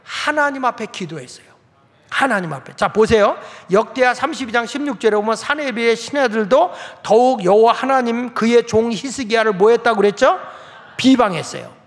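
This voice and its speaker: Speaking at a normal pace, a man with an extremely high, expressive voice preaches a folksy sermon and asks the congregation questions throughout. It's recorded in a church sanctuary whose large hall gives a long reverb.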